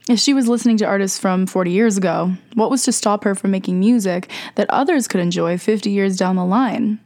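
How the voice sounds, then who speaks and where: A woman's voice: medium pitch, a little fast, a little mellow. A young woman hosting a radio music show with scripted commentary, sounding congested with a sore throat and a stuffy nose.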